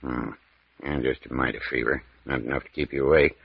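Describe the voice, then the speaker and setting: A man's voice: very deep voice, fairly even intonation, fairly quick, gravelly, slightly rough, dry recording, full character voice. A man playing a crusty, fussing doctor with folksy grumbles in an old-time radio mystery. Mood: fussing, soothing. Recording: dull dry vintage radio recording.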